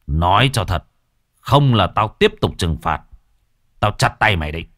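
A stern young exorcist voiced by a man in a spoken ghost story. He speaks low and unhurried, with quiet menace. The sound is dry and close. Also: expressive, no echo. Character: stern young male exorcist, calm and commanding.

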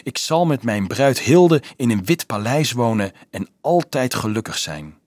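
A man voicing a dreamy young boy who sees himself as a gracious little king, in a husky voice. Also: mid-range voice, very animated, unhurried, darkish tone, no echo, clean studio sound.

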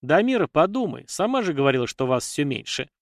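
A grim, weary young fighter, as the narrator puts him on with a slightly lifted voice, curt and menacing. Dry, close sound. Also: male voice, fairly high pitch, sing-song, fast talker, creaky, no echo. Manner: curt, threatening. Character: young man, grim, tired, quick to threaten.

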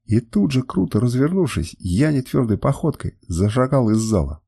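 A man narrating an adventure audiobook in the first person, his voice husky and mellow. He colors the lines with a lively, wide-ranging delivery. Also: medium pitch, moderate pace. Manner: emotional first-person storytelling.

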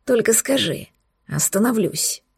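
A woman reading an audiobook voices a savage, breathless male werewolf who speaks in a low growl and a hiss. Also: animated, measured pace, gravelly, a little mellow, slightly rough, no echo, heavily acted. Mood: passionate. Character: savage male werewolf lover, furious and hungry. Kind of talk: audiobook character voice.

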